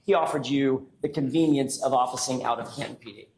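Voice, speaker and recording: Guy lawyer grilling a witness, courtroom recording, fast pushy questions, roomy echo. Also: mid-range voice, darkish tone. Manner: pressing, rapid-fire questioning. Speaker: defense attorney. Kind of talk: courtroom cross-examination. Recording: echoey courtroom audio, faint noise.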